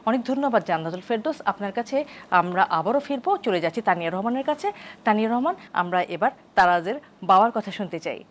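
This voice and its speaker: Brisk woman hosting a TV panel. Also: medium pitch, lively intonation, a little hiss or hum. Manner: brisk, guiding, names each guest. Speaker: TV talk show host. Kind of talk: moderating a studio panel.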